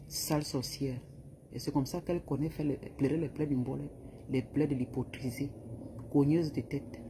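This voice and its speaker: A woman's voice: deep voice, noisy background. A middle-aged woman with a Cameroonian French accent, scolding and insulting someone in a heated rant to camera. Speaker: vlogger.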